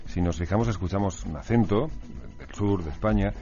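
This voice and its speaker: A man hosting a radio discussion, brisk and leading with questions. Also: low voice, mellow, lo-fi sound. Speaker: radio host.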